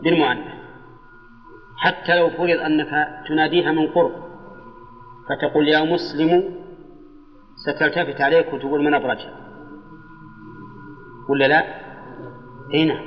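An older man teaching Arabic grammar to students in a lesson, slow and measured, drawing out the words of his examples and putting questions to the class. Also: a little high, steady tone, slight background noise. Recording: dull old lecture tape in a reverberant hall.

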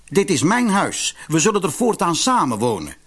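A man's voice: a little high, wildly swooping pitch, normal speed, a bit bright, breathy edge, voice pushed up, exaggerated voice. A man doing a grumbling, mocking fiddler. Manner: scolding, grumbling. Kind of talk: storybook reading.

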